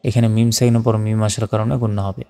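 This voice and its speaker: A man teaching Quran reading, who spells out Arabic letter by letter and slowly chants the verses, patient and methodical. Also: lowish voice, little pitch movement, warm tone, long reverb tail.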